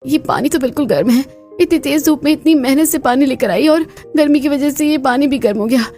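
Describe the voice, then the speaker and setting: A woman's voice: high-pitched, a little fast, darkish tone, soft background music, voice pushed up. Woman voicing a hardworking young village wife. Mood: weary. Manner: earnest, scolding, eager. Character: young village daughter-in-law, hardworking and caring.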